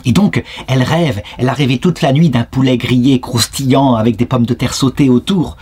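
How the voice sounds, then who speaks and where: Husky-voiced man telling a story. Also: mid-range voice, brisk. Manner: lively, talks to listeners, acts out characters. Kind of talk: storytelling lecture.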